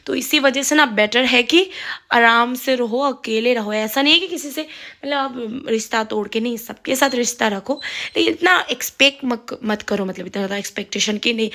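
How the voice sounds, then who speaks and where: A woman's voice: on the high side, fairly bright tone. A young adult woman vlogger giving frank life advice in a casual monologue while she cooks. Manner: talks while cooking.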